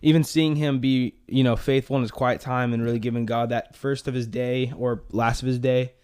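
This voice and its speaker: A man's voice: medium pitch, level tone, moderate pace, darkish tone, clear, resonant tone. A young man hosting a casual faith chat, rambling and saying "dude" a lot. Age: young adult. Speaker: podcast host.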